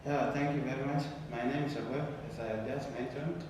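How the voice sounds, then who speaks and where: A man's voice: mid-range voice, fairly even intonation, darkish tone. Earnest man recorded from afar in echo. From South Sudan. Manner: earnest, deliberate, repeats words when searching. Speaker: interviewee. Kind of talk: interview, personal story. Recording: echoey room from far off, background noise.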